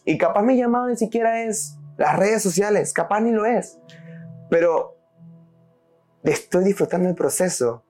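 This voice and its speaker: A man's voice: high-pitched, normal speed, darkish tone. Earnest young man telling his faith story. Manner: earnest, reenacts his own prayers aloud; laughs between lines. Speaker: podcast host. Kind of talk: personal faith testimony. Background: faint music.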